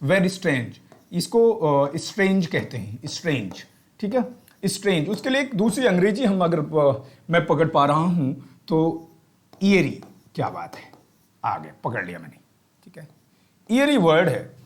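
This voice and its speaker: Indian guy teaching vocab for exams, voice a bit high, hindi english mixed, slow on english bits, lots of uhs. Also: big pitch swings. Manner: Hindi-English code-switching, slow deliberate English phrases, frequent fillers. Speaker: English teacher for exam prep. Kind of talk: spontaneous classroom-style lesson.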